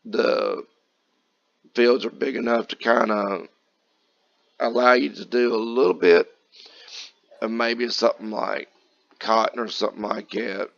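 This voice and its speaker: Guy, kentucky, gravelly just-woke-up voice, laid back game commentary. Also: medium pitch, a little slow, pauses often, lo-fi sound. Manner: relaxed, rambling, folksy. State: raspy, just woken up. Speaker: gaming channel host. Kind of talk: casual gameplay commentary.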